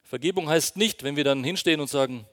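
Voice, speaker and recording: A man's voice: on the high side, quick pace, a bit bright. A man preaching a sermon, earnest and emphatic, speaking directly to his congregation. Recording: long reverb of a hall.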